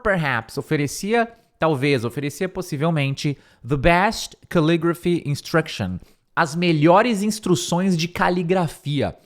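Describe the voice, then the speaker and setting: A young man with a Brazilian Portuguese accent and a somewhat high-pitched voice explains English phrases in a relaxed, chatty way. He breaks sentences apart and drills pronunciation, saying each word slowly several times. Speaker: English teacher. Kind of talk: casual screen-share lesson.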